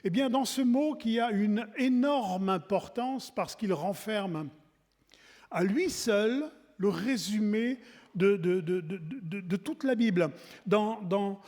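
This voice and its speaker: A man with a high voice preaches a wedding sermon, his words ringing with a long reverb through the church hall. He talks in a loose, conversational way, often restarting and repeating himself. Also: slow pace, a little mellow. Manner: conversational and repetitive, many restarts and asides.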